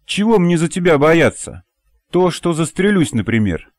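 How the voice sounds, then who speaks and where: A man's voice: fairly high pitch, very animated, no echo, clean studio sound, pitched above the performer's own voice. A male audiobook reader voicing a young woman who pleads and flares up, on the edge of tears. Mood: pleading, upset. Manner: pleading, tearful, quick to flare up. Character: young woman, emotional, stubborn daughter. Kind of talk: audiobook character voice.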